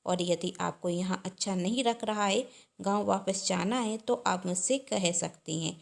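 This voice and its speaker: A woman's voice: medium pitch, measured pace, creaky. Woman reading as a sweet-talking scheming daughter-in-law. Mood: sweet, false.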